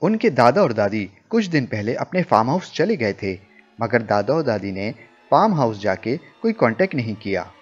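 Man, storytelling narration, lively, playful, mid-pitched, music behind. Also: moderate pace, muffled recording.

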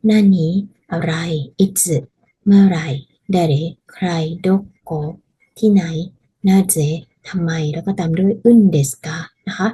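A woman teaching a casual language lesson, patiently explaining and repeating phrases slowly so learners can practice. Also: fairly low pitch, fairly even intonation, mellow, husky, poor audio.

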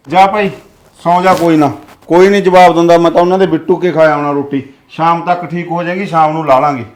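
An older man playing a tired father-in-law who tries to calm his bickering daughters-in-law in a home comedy sketch. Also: a little high, fast, natural voice. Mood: grumbling. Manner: weary, placating, grumbling. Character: weary old father-in-law, tired peacemaker. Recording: echoey, distant, faint background noise.

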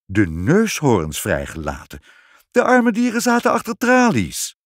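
A man voicing a soft-hearted young king who stammers through his tears. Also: fairly high pitch, huge pitch swings, measured pace, no echo, studio quality, pitched above the performer's own voice, heavily acted. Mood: tearful. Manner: stammering, tearful.

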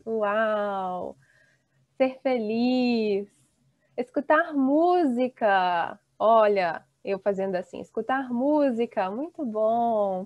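A woman in her thirties teaching an online Portuguese class, slowly and encouragingly reading out students' chat replies. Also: on the high side, no echo. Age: 30s. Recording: dull, dry video-call audio.

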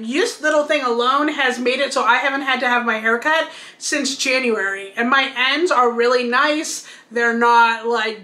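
A woman in her thirties with a high, bright voice chats casually through a product review at home. She explains each item as she holds it up, and her voice carries some room echo. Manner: chatty, explains while showing products. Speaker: beauty vlogger. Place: bedroom at home, indoors.

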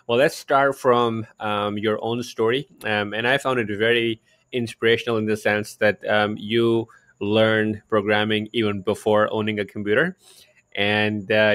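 A man's voice: on the low side, a bit bright, no echo. A man hosting a podcast interview over video call, chatty with many fillers. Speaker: podcast host. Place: home room. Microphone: headphones with desk mic.

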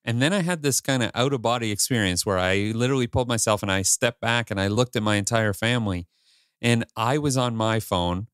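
A man's voice: mid-range voice, brisk, a bit bright, smooth, no room sound. Brief: man in his forties, casual podcast co-host, clean resonant voice, dry close mic. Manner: candid, rambling with restarts and swearing. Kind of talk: casual chat.

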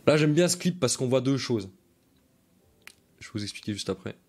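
A man's voice: medium pitch, expressive, moderate pace, darkish tone. A man, coaching live as he breaks down football game film for viewers, chatty and casual, repeating his points and reading out viewer comments.

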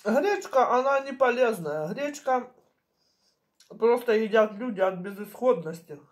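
A middle-aged woman chatting casually in short phrases with pauses as she eats, chewing while she talks, recorded in a home kitchen. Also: medium pitch, animated. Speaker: mukbang vlogger. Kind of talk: casual chat while eating. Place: small home kitchen, indoors. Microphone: camera on the table at arm's length.

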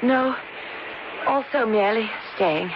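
An actress playing a delicate, pale, melancholy young woman with a soft, refined manner in a 1970s radio drama, on a hissy lo-fi vintage recording. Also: on the high side, takes it slowly. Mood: wistful.

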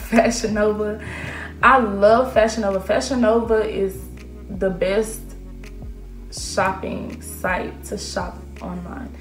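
Young woman, nineteen, confident talk to camera with many fillers, roomy echo. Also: medium pitch. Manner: chatty, self-assured, with many fillers. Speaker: aspiring model vlogger. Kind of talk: casual Q&A vlog to camera. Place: small room indoors.

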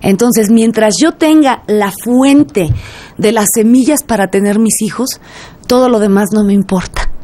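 Animated woman explaining on radio. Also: a little high, a little slow. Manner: lively and didactic, speaks directly to listeners. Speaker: guest expert on sexuality.

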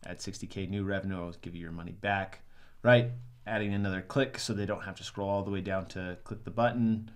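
A young adult marketing reviewer talks fairly quickly in a deep, clean voice with a steady tone. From a desk in a small studio, he critiques ads to the camera in a casual, upbeat manner, peppering his speech with "um"s and "right?".

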